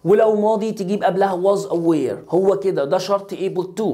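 A woman with an Egyptian Arabic accent teaching English grammar to young children. She says each English word slowly several times, then explains it briskly in Arabic. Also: mid-range voice, mellow. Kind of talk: recorded grammar lesson for children.

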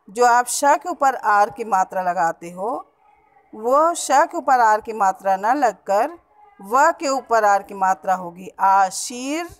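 A woman teacher giving a Hindi grammar lesson on pronunciation to schoolchildren, with a Hindi accent from around Allahabad, explaining step by step and repeating words slowly to correct them. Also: medium pitch. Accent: Hindi as spoken around Allahabad.

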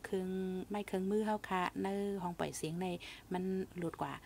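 A woman hosting a casual radio talk show, giving reflective and gentle advice. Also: fairly low pitch, quick pace, creaky, slight background noise. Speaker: radio host.

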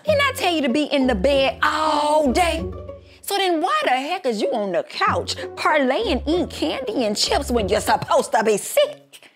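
A woman's voice: sits high, big pitch swings, unhurried, music in the background. A woman playing a sassy, theatrical mother in a comedy skit, exclaiming and repeating phrases for emphasis. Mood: scolding, indignant. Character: sassy, scolding, theatrical mother who won't be outsmarted. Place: living room of a house.

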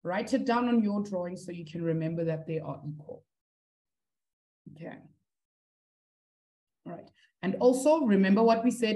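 A woman's voice: mid-range voice, warm tone. A woman teaching a live online maths lesson, encouraging her students and reading their answers from the chat.

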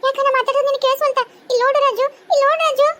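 Woman voicing a wailing ghost wife, sky-high. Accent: North Karnataka Kannada. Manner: very high, fast, pleading and wailing. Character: grieving young ghost wife, murdered, tearful. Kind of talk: cartoon voice acting.

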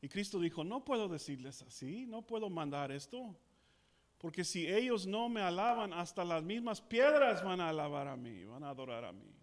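In a church, a male pastor with a South Texas Spanish accent delivers a bilingual sermon, saying each point in Spanish and English and guiding the congregation through call-and-response. He speaks at a moderate pace in a high, sing-song voice.

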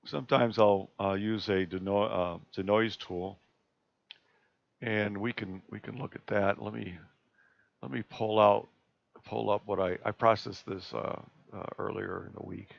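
A man presenting a live screen-share tutorial on a video call, talking in a relaxed, halting way with many fillers and restarts. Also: lowish voice, vocal fry, no echo. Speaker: astronomy club presenter. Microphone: computer mic on a video call. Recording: dull lo-fi video call audio.

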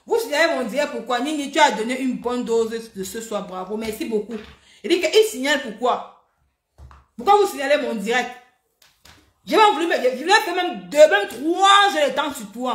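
A woman hosting a live stream, talking in an animated, mocking, repetitive way. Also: sits high, roomy sound. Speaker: livestream host. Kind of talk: heated live-stream rant.

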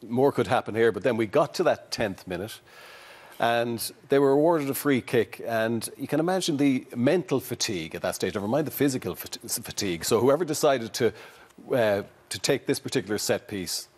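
A man's voice: medium pitch, animated, normal speed, a little mellow. A middle-aged man hosting a football analysis show, steering the talk and passing questions to his guests, on a lapel mic in a TV studio. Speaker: sports presenter. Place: large TV studio set.

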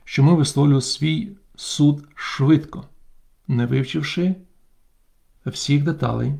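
Gravelly, mellow-voiced bishop teaching. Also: male voice, fairly high pitch. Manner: deliberate, reads Greek words aloud and explains them, pausing often with "eh". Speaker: bishop teaching Bible study. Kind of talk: remote Bible lesson with Greek word study.

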